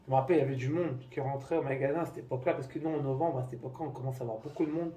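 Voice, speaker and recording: A man's voice: mid-range voice, fairly even intonation, racing, crowd noise. A man giving a personal testimony to a congregation, acting out the dialogue with many fillers. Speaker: church member giving a testimony. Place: congregation meeting room. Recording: echoey room, distant mic, faint noise.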